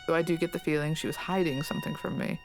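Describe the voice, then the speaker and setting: Polite guarded manor guest, measured and courteous, mystery game character, voiced by a streamer in their own voice, faint music. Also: medium pitch, fairly even intonation, close to an everyday voice. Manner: measured, courteous, read aloud from game text.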